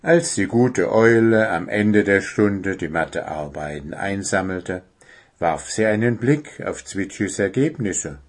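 A man narrating a children's storybook in a calm, gentle reading voice. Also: deep voice, takes it slowly.

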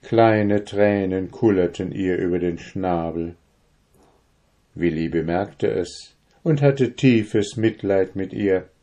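A man narrating a children's fairy tale in a calm, unhurried reading voice. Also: low voice. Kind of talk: storybook reading.

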